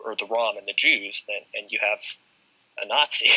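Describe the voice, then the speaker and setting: A man talking as a guest in a casual discussion, quick and emphatic, in a poor recording with popping. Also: lowish voice, sharp tone.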